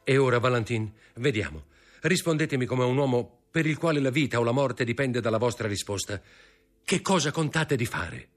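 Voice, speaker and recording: A man voicing a proud young man in an audiobook reading, grave, measured and bitter. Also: medium pitch, animated, soft background music, voice pushed up, close to an everyday voice. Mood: urgent.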